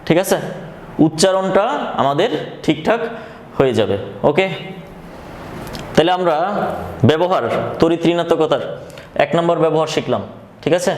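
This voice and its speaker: A man teaching a chemistry lesson, asking questions and answering them himself, repeating key phrases slowly. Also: a little high, darkish tone. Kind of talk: recorded classroom lesson. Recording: echoey room with faint background noise.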